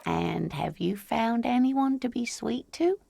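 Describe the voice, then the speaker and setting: An actress voicing a sweet, scatterbrained elderly woman in a video game who talks in a gentle, doting way. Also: on the high side, lively intonation, slow, vocal fry, husky, dry recording, full character voice. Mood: chatty. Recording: dry game audio with faint music.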